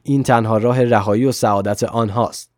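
A man narrating an audiobook in a measured, calm reading. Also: fairly low pitch, no room sound, clean studio sound. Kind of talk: scripted narration.

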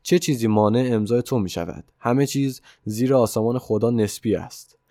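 Man voicing a calm millionaire mentor. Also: mid-range voice, dry recording, studio quality, close to an everyday voice. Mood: coaxing. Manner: calm and insistent. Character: calm, self-assured wealthy older male millionaire mentor.

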